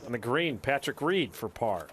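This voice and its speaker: A man's voice: medium pitch, sing-song, moderate pace. A man calling golf play-by-play as a television commentator. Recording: noisy outdoor broadcast sound.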